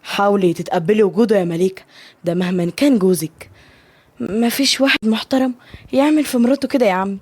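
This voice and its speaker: A woman with an Egyptian Arabic accent voicing a kind older father-in-law who coaxes gently. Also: medium pitch, fast talker, husky, dry recording, close to an everyday voice. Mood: fatherly.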